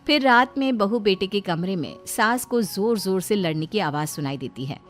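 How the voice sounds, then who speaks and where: A woman narrating a cartoon story in an even storytelling tone. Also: mid-range voice, moderate pace, soft background music.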